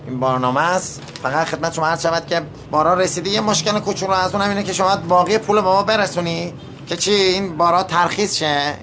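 A slippery middle-aged trader, rambling and persuasive, voice sits a bit high for a man. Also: sharp tone, slight background noise. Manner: rambling, persuasive, talks down to her. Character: smooth-talking evasive male merchant, placating and glib. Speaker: shopkeeper and trader.

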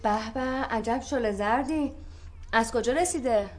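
A woman's voice: fairly high pitch, natural voice. An actress playing a hurt young woman who answers her friend with sarcastic, cutting remarks. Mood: calm. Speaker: film character. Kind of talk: feature-film dialogue. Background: film score music.

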